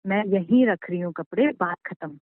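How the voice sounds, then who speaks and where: A woman's voice: lowish voice, normal speed, dry recording. A woman playing a man's ex in a scripted couple drama, coolly insisting that she will move in. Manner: cool, pushy, matter-of-fact. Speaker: husband's ex in a staged call drama. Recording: tinny phone-line sound.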